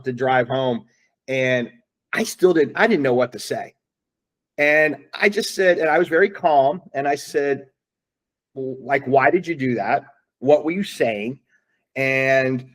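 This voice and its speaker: A middle-aged man, a father, telling a story in a casual interview, earnest and rambling with many fillers and restarts. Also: mid-range voice. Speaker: guest, father.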